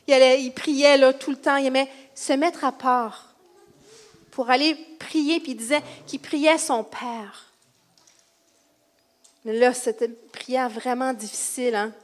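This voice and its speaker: A woman playing a grieving gentle mother. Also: high-pitched, steady tone, unhurried. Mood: sad, gentle. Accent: Quebec French. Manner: soft, hesitant storytelling with fillers. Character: grieving gentle mother of Jesus, telling her story.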